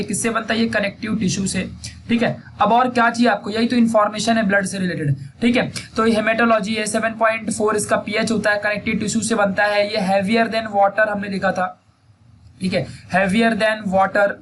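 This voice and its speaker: A young man teaching biology, asking questions and answering them himself, saying "theek hai" again and again. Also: high-pitched. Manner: quizzes students and answers himself, repeats key terms. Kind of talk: fast-paced classroom lecture. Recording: faint background noise.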